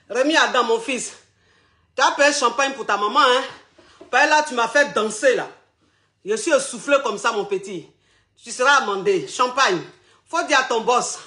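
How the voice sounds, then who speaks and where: A man's voice: very high-pitched, pushed and bright. A man hosting a playful online chat show, out of breath, teasing and laughing with his viewers. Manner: flamboyant, teasing, laughs often, calls viewers "my loves".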